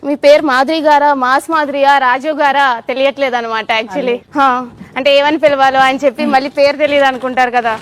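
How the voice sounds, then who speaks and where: A woman with a very high voice interviews a guest. She asks cheeky, poking questions. Her pace is very fast. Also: steady tone. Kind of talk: teasing interview.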